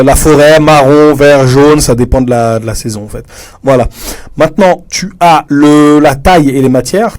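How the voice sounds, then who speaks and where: This man's voice sits in the mid range and sounds a little mellow. As a French teacher trainer, he goes through classroom materials with other teachers in a chatty way, speaking informally to the viewer and filling his speech with fillers.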